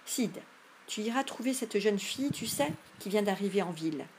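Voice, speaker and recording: A woman reads a whiny storybook boy who groans and complains as though gravely ill, whimpering in a plaintive, drawn-out way. The voice stays near an everyday pitch and sound, a little mellow, with lively intonation and moderate pace. A faint hiss sits behind it.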